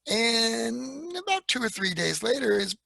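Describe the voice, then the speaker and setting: Man, storyteller at a library talk: gravelly and husky, lively pitch, drops into quoted voices. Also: unhurried, dry recording. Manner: animated retelling with quoted voices and fillers. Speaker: speaker giving a library talk.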